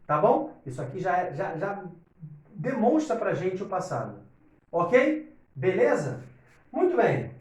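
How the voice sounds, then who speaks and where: A man's voice: high-pitched, sing-song, unhurried, darkish tone. A man teaching an English lesson to Portuguese speakers, explaining step by step and often checking in with his students. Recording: echoey room, distant from mic.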